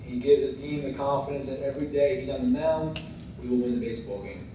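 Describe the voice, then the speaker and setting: An American high school baseball head coach gives a semi-scripted tribute speech haltingly, moving between read-out praise and informal asides. His voice is medium-pitched, caught by a distant mic in a very echoey room with clear background noise.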